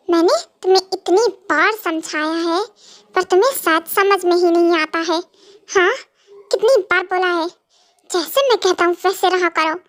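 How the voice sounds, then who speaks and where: A woman's voice: very high voice, fairly bright tone. A woman voicing a possessive, menacing young mafia husband in an amateur fan dub, talking in cold, mocking threats and commands.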